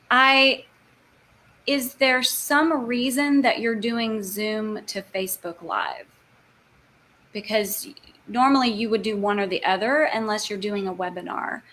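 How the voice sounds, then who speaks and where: A woman yoga teacher hosting a live online Q&A over a video call, explaining in a chatty way with quick restarts. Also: a little high, sharp tone.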